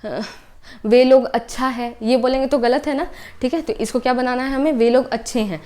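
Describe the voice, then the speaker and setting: A young woman teaches an online exam-prep class in a fairly high voice. She takes each point step by step and repeats the key ideas. She keeps checking in with short "okay"s as she goes. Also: a little fast, a little mellow. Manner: explains step by step, repeats points, often adds "ठीक है".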